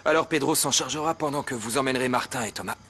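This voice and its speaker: A stern young master of the house. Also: male voice, mid-range voice, fast, sharp tone, husky. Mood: firm. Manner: formal, firm. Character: stern young man, head of a grand household. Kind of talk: dubbed television drama. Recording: music playing underneath.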